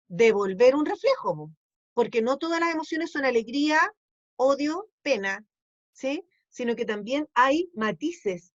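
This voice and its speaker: Woman teaching, high voice. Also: dry recording, highs cut off. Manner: explanatory, asks ¿sí? to check understanding.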